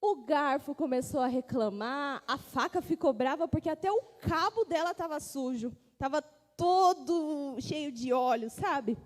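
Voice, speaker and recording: Woman telling kids a story at church, high mellow voice, lots of hall echo. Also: measured pace. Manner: animated, pointing things out. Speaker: children's teacher. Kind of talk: storytelling to children.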